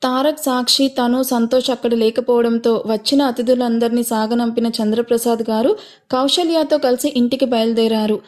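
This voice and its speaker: Mellow-voiced woman storyteller. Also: on the high side, fairly even intonation, moderate pace. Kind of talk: scripted audio story narration.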